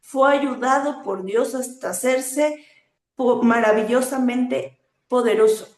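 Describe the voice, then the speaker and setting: A woman's voice: on the high side, slow pace, darkish tone. A woman preaching a sermon, teaching earnestly with rhetorical questions and frequent hesitant fillers. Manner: hesitant fillers between phrases. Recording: echoey room.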